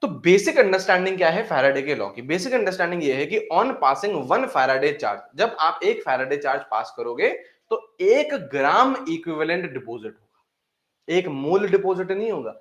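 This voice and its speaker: A man's voice: a little high, big pitch swings, moderate pace, a bit bright. A man teaching a chemistry class online, calling the students "beta" and repeating each phrase to drive it home. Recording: echoey room.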